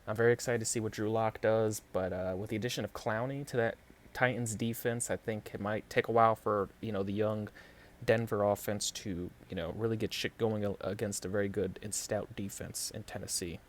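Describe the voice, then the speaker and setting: Podcast host, male, New York accent, lowish voice, loose halting sports chat. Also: steady tone. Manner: halting, lots of fillers and restarts. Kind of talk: casual sports predictions chat.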